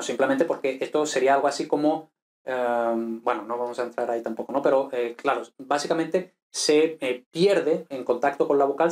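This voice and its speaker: A man's voice: fairly high pitch, darkish tone. A man teaching an online grammar lesson, explaining step by step and often checking with tag questions and fillers. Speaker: language teacher.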